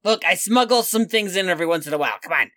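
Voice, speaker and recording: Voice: mid-range voice, expressive, rapid-fire, bright, forceful tone, dry recording, clean studio sound. A game master voicing a shifty bug smuggler, pleading and evasive, in a tabletop game. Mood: coaxing, evasive. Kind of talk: tabletop game role-play.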